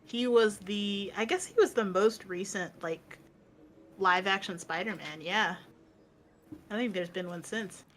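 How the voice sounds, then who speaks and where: A woman chatting casually with a streamer friend during a game, relaxed and joking. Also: medium pitch, a little slow, a little hiss or hum.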